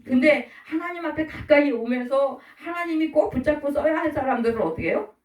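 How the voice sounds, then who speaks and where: A woman's voice: high-pitched, expressive, brisk, phone-quality sound. A middle-aged woman preaching a sermon, asking the listeners questions and acting out the voices she quotes. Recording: echoey room from far off.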